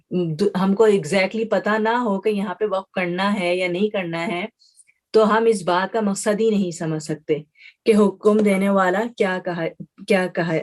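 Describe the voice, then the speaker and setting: A woman's voice: mid-range voice, darkish tone. Woman teacher; patient, methodical online class lecture, English words sprinkled in, frequent check-in questions. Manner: patient, explains step by step with examples and check-in questions; mixes English words into her speech.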